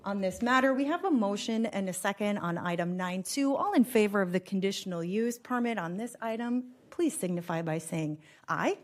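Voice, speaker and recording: A woman's voice: medium pitch, expressive, normal speed, hardly any pauses. A woman acting as meeting chair, handling procedure in a decisive, informal way. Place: council meeting room. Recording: clear background noise, clicks.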